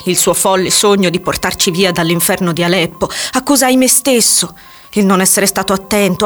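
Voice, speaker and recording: Woman narrating a dramatic story. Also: medium pitch. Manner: measured, dramatic delivery. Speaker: audiobook narrator. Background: faint music.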